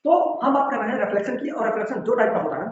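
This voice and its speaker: A man's voice: very high voice, racing. A man teaching a physics lesson, explaining step by step and checking with students. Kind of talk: classroom lecture. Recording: echoey room, far from the mic, dull sound.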